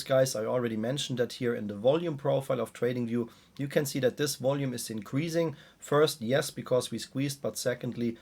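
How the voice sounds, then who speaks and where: A man's voice: mid-range voice, a little mellow. Man, voice weakened by a cold. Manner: halting, addresses listeners often. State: weak voice from a cold. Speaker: stock trading YouTuber. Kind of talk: casual market analysis commentary.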